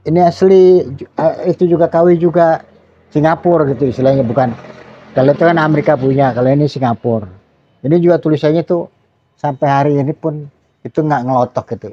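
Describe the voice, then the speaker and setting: An older retired man, the channel's host, slowly showing his old microphones in a rambling, casual way with many fillers. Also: mid-range voice, warm tone, dry recording. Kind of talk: casual show-and-tell about microphones. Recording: dull lo-fi dry sound.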